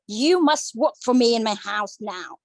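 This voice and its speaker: Woman reading as a wicked witch: high, swooping, slow, gloating storybook villain, dry close sound. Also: lively intonation, creaky, a little mellow, no room sound. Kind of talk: storybook read-aloud for English learners.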